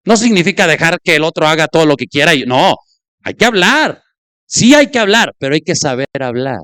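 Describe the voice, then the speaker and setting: Animated pastor preaching. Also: male voice, fairly quick, dry recording, studio quality. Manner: illustrates points by acting out spoken exchanges, with sudden pitch jumps. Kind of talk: sermon.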